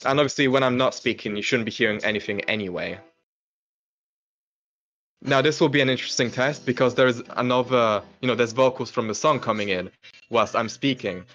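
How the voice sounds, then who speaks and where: Here a young adult British tech tester speaks a little fast in a mid-range, fairly bright voice, with the highs cut off, while giving an off-the-cuff product demo full of dry asides. The setting is a small carpeted bedroom at a computer desk. His mic alternates among desktop microphone, laptop mic, and phone.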